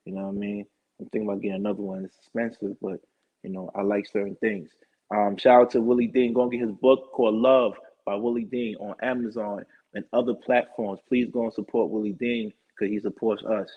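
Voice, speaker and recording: A man hosting his own live talk show, rambling through shout-outs and sponsor plugs in casual chat. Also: lowish voice, breathy edge. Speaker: show host. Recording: dull lo-fi stream audio.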